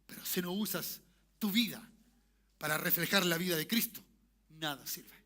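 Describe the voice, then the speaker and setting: A man preaching a sermon as pastor, shifting from soft talk to shouted calls for amen. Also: high voice, moderate pace. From Chile. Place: church sanctuary.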